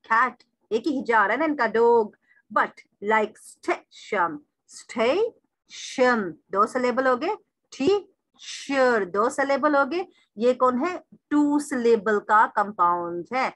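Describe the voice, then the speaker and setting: Woman lecturer, high voice, dry close sound. Poses her own questions and answers them, drills example words slowly. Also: fairly bright tone, no echo. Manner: addresses listeners as "sir" in a formal way. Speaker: teacher. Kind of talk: recorded lecture reading through a text.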